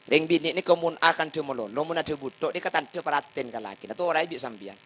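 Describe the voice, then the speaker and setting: A man giving a humorous sermon, swinging from soft asides to loud impassioned bursts. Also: a little high, fast talker, slight background noise. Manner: chants salawat and sings lines. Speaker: preacher.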